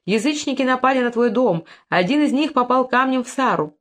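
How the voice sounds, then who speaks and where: A woman reading an audiobook, voicing an excitable female servant who exclaims loudly. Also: high-pitched, a little fast, voice pushed up. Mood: alarmed.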